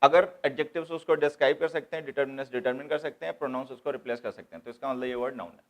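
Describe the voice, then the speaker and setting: A man's voice: mid-range voice, racing. A man teaching English grammar to exam students, explaining step by step and repeating key points. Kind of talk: classroom lecture.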